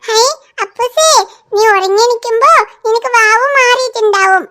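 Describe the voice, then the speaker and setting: Cartoon big sister, small girl, very high and bright childlike voice, earnest and soothing. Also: moderate pace. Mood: hopeful. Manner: earnest, soothing toward her baby brother. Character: little girl, caring older sister. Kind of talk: cartoon voice acting.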